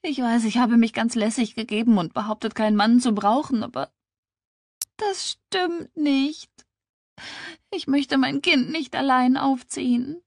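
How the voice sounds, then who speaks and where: A woman reading an audiobook, voicing a distraught young pregnant woman who is crying and pleading in a high voice. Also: a little slow, vocal fry, dry recording, studio quality. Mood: tearful.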